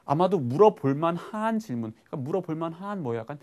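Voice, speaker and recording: Man teaching English, quizzing himself aloud. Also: fairly high pitch. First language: Korean. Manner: lively explaining, asks and answers his own questions; reads English phrases slowly, then translates. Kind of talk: broadcast English lesson.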